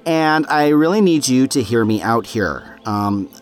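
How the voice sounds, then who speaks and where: A man's voice: mid-range voice, lively intonation, unhurried, natural voice. A man playing a laid-back, bumbling father and would-be mage who jokes and hesitates a lot. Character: easygoing bumbling Nord dad mage.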